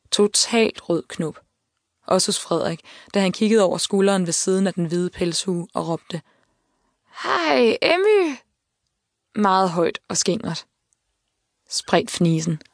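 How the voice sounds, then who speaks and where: A woman reading an audiobook, with calm, measured storytelling. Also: fairly low pitch, no echo. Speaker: audiobook narrator. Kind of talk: scripted narration. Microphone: close studio mic. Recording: dry studio reading.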